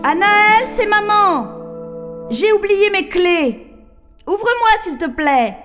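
Woman as a gently coaxing mother. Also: very high voice, lively intonation, takes it slowly, music in the background, heavily acted. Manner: soft and coaxing, sing-song rhyme.

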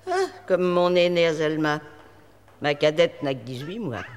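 A scheming innkeeper's wife, high voice, falsely friendly, hall reverb, faint noise. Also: male voice, unhurried. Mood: honeyed. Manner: falsely friendly, then haggling. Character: scheming female innkeeper, sweet-talking and greedy. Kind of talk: audio drama acting.

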